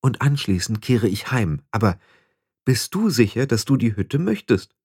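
A man's voice: medium pitch, sing-song, normal speed, a little mellow, slightly rough. A man reading the part of a modest young witch girl who hesitates and hedges. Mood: hesitant. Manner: hesitant, fillers.

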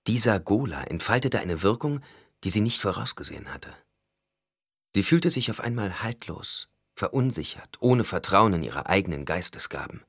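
A man reading a novel aloud as narrator, measured and storytelling. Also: on the low side, sing-song, fairly bright tone, breathy edge, no echo, studio quality. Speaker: audiobook narrator. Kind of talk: scripted narration.

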